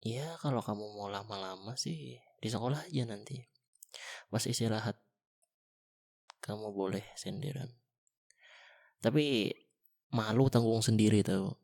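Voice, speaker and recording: Gravelly, husky young man in whispered role-play. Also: lowish voice, measured pace, pauses often. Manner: soft, coaxing and gently teasing. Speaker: ASMR boyfriend role-player.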